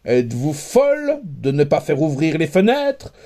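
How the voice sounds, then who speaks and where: A brash, cheeky young simpleton from a storybook, blunt and unruffled, as a man reads him. The voice is mellow and slow, close to the reader's own. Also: fairly high pitch, very animated.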